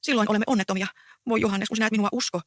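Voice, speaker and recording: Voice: mid-range voice, fairly even intonation, dry recording, studio quality, voice pushed up, natural voice. A reader voicing an earnest, anxious young peasant woman in a stage play read aloud. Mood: pleading. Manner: pleading, earnest.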